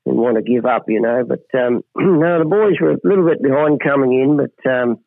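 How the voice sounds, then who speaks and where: A rural Australian man with a heavily creaky, gravelly voice and a laconic outback drawl. He gives casual, understated interview answers over a dull, lo-fi phone line. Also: medium pitch, moderate pace, dry recording. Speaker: cattle stud principal, phone-in interview guest.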